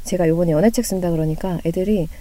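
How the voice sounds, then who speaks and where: Woman author in her 30s chatting candidly, kinda low voice, laughs a lot. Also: quick pace, mellow. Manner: candid, laughs often, acts out quotes. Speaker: author guest. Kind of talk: casual interview chat.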